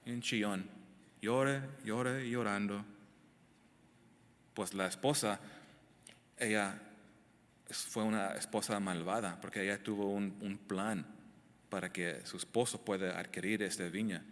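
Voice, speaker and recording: A pastor with a fairly low, steady voice that is a bit bright speaks a little slowly with long pauses. He works through the Bible verse by verse, emphatically questioning his congregation directly. Long reverb fills the echoey hall.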